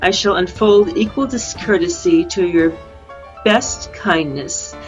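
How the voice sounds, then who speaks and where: Coolly polite and measured, a woman delivers formal verse as a proud young princess with a sharp tongue in amateur Shakespeare. Her voice is lowish. It's heard over a dull, lo-fi video call, with faint music behind her.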